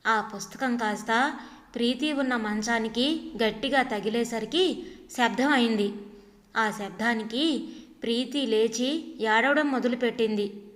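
A woman storyteller reads an emotional family drama in a fairly high, clear voice, pacing it with steady, emotive delivery. A long reverb trails each sentence, as if she were recorded in a large echoing room. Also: a little slow, long pauses. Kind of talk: scripted audio story narration.

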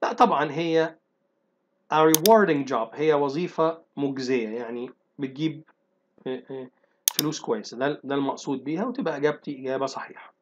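A man with an Egyptian Arabic accent teaching an exam-prep English lesson, reading English sentences slowly and then explaining them briskly. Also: on the high side, highs cut off, background noise.

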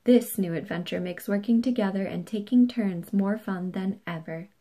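A woman reading a picture book aloud to children in a playful, expressive way. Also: mid-range voice, a little hiss or hum. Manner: animated, playful, slow and expressive. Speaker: storybook reader.

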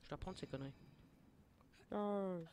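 A woman hosting her gaming channel, giving excitable play-by-play commentary, taunting enemies and muttering to herself, jittery from too much coffee. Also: lowish voice, measured pace, slight background noise. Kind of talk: live gameplay commentary.

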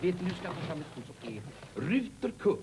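A man's voice: high voice, very animated, very noisy. An actor playing a jolly, lonely, chatty night watchman who giggles and rambles through silly jokes in 1970s TV comedy style. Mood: showy.

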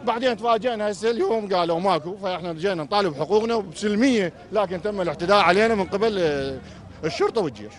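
A man's voice: sits high, rapid-fire. A man with an Iraqi accent speaking outdoors at a street protest, voicing an aggrieved complaint as a hospital administrative worker. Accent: Iraqi Arabic.

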